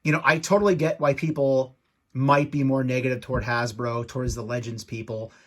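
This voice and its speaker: A man in an annoyed, rambling rant to camera, speaking off the cuff, halting and repeating himself as he vents. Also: mid-range voice, fairly even intonation. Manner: annoyed, ticked-off venting. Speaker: YouTube toy collector and podcast co-host.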